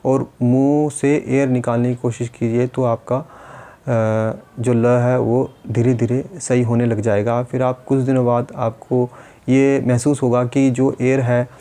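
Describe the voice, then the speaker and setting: Man, speech therapist, patient demonstrations, repeats sounds, dark mellow voice. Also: medium pitch, level tone, slow. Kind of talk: instructional speech-therapy lesson.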